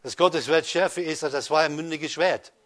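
A man preaching a sermon, addressing listeners directly with rhetorical questions and swinging between loud rises and soft drops. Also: on the high side, fairly even intonation, moderate pace. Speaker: pastor.

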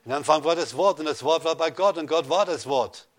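A man preaching a sermon, addressing listeners directly with rhetorical questions and swinging between loud rises and soft drops. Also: fairly high pitch, fairly quick. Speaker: pastor.

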